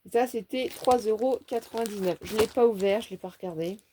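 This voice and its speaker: A woman's voice: medium pitch, fairly quick, mellow, slight background noise. A woman chatting through a scrapbooking haul, cheerful and enthusiastic as she shows each page. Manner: chatty, enthusiastic, fond of little words like "petite" and "hein". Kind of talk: casual show-and-tell haul.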